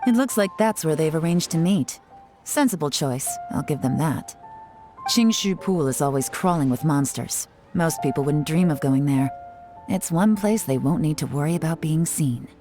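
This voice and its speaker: Over background music, a woman voices a shrewd, cool-headed intelligence officer for a video game, sounding composed, commanding and dryly confident. Her voice is deep and mellow, with lively intonation and a normal speed.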